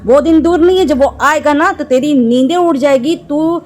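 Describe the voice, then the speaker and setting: A woman's voice: high voice, normal speed, a little mellow, slight background noise. A woman vlogger delivering an angry reaction commentary, scolding and mocking with insults.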